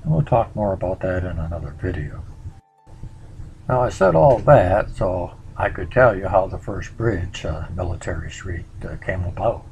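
A man presenting a local history slideshow in a relaxed, conversational way, pausing often on fillers. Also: deep voice, creaky, muffled recording, a little hiss or hum.

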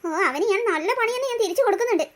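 A woman's voice: very high voice, animated, racing, fairly bright tone. A woman voicing a scheming, spiteful old grandmother in a cartoon story, with a scornful, scolding manner. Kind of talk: cartoon voice acting.

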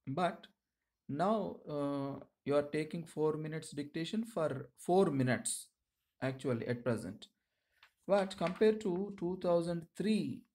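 A man with an Indian accent speaking as a shorthand instructor, dictating to students in short, measured phrases. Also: on the high side, mellow.

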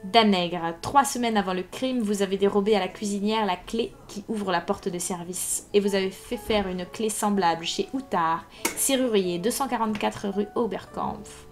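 A cold male ex-inspector who speaks dryly and hard, with menacing precision and a low, level delivery, voiced by a woman reading a novel aloud. Faint music plays under the reading. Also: moderate pace, hardly any pauses, lightly acted. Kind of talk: live audiobook reading.

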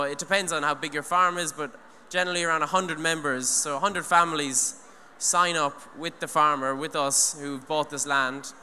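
A young Irish man speaking at an eco event delivers an earnest, rambling talk from the stage of a large hall, holding a handheld mic and peppering his speech with restarts and "you know". His voice sits on the high side with a bright, forceful tone. The recording carries a long hall reverb and faint noise.

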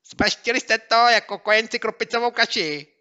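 A mischievous rival schoolboy hollers mockery from a distance, his voice pushed high and stretched into slow sneering taunts, as a male narrator puts him on. The tone is bright and forceful, and the audiobook recording sounds a little dull. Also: clear, resonant tone. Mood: taunting. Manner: mocking, taunting, drawn-out shouts. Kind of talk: audiobook character voice.

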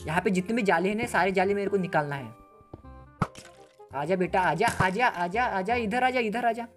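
A man giving Let's Play gameplay commentary as a gaming channel host, excitable and full of slangy exclamations. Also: sits high, normal speed, faint music behind.

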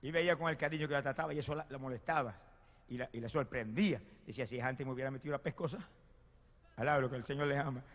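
A man preaching a sermon and telling his own testimony, fervent, swinging from loud exclamations to hushed storytelling. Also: medium pitch, fast. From Puerto Rico. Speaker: evangelist preacher. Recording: long hall reverb.

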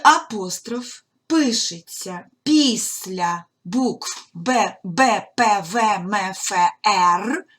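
A woman teaching a primary school language lesson on video, sounding out words slowly and carefully as if dictating. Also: medium pitch, fairly bright tone, breathy edge. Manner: slow, careful dictation-like articulation, stretching out words.

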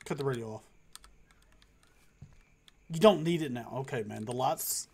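A man's voice: mid-range voice, moderate pace, vocal fry, noisy background. A man streaming a horror game, chatting jumpily and teasing the characters he meets, with the odd swear. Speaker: gaming streamer. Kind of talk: let's play commentary.

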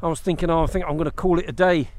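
A man's voice: on the high side, fairly even intonation, rapid-fire, a little mellow. A middle-aged man on a kayak out on open water, talking casually to an action camera and explaining his fishing step by step, often restarting his phrases. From England. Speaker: fishing vlogger. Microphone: action camera mounted on the kayak.

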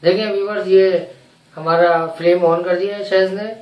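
A man's voice: high voice, fairly even intonation, normal speed, highs cut off. A man in his forties co-hosting a home cooking demo, chatting and repeating tips for viewers. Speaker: cooking channel co-host. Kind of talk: casual cooking demo chat. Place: home kitchen. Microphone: far camera. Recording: roomy kitchen sound from a distance, faint noise.

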